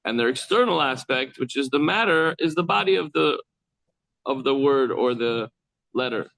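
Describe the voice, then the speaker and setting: Gravelly-voiced rabbi teaching a text class. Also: male voice, mid-range voice, animated, a bit bright, no echo, low-quality recording. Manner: explains slowly, demonstrates letter sounds, asides to students. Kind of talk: explanatory text class, reading and commenting. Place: classroom with live students.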